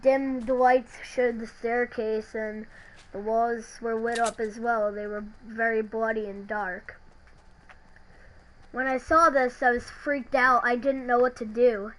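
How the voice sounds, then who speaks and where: Slow, hesitant young-sounding woman narrator. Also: fairly high pitch, level tone, a bit bright, poor audio. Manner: hesitant, halting with restarts. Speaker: storyteller. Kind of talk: creepypasta narration.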